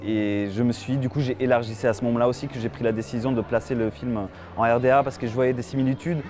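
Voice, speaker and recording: A man's voice: mid-range voice, fairly even intonation, fast talker, darkish tone, faint music behind. A man in his thirties from Germany, an animation film director giving a festival interview, hesitant with many fillers and restarts.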